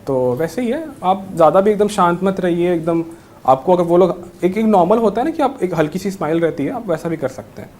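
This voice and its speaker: A man's voice: sits high, lively intonation, fairly quick, darkish tone. A young man giving friendly, reassuring interview advice and mixing English words into his Hindi. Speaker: interview guest, newly selected civil judge.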